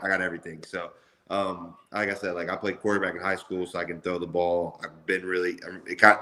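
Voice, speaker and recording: Man in his twenties, athlete, deep pitch, bright edgy tone, casual interview chat, slangy delivery. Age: 20s. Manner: loose, slangy, repeats "like" often. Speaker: college football player being interviewed.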